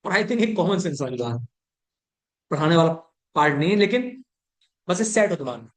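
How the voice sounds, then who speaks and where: A man's voice: a little high, sing-song, moderate pace. Male chemistry teacher giving a classroom lecture. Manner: keeps checking whether students have understood; mixes English terms into Hindi.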